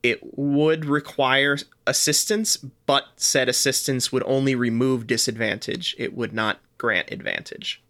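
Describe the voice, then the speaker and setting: A man acting as game master, narrating the scene and explaining rules in a measured way. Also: medium pitch, bright, forceful tone.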